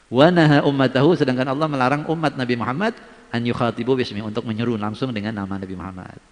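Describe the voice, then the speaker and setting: Fast-talking preacher in a reverberant hall. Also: male voice, medium pitch. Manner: lively storytelling, acts out quoted voices. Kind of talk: sermon. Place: large religious gathering at a shrine.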